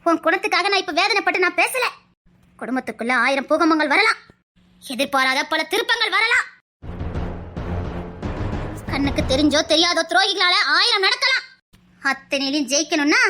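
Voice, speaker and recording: A woman plays an aging family matriarch with a Tirunelveli Tamil accent, speaking in a very high, bright voice. She lectures and pleads earnestly, over faint music. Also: lively intonation, normal speed, long pauses, exaggerated voice. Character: elderly mother-in-law matriarch, earnest, pleading. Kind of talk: family web-drama acting.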